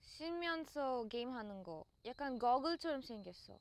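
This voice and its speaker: A woman's voice: high-pitched, animated, moderate pace, smooth, dry recording. A young woman, a non-native speaker with a foreign accent, chatting casually in simple phrases with English words mixed in. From outside Korea. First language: a language other than Korean. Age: young adult. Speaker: K-pop group rapper. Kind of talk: casual chat.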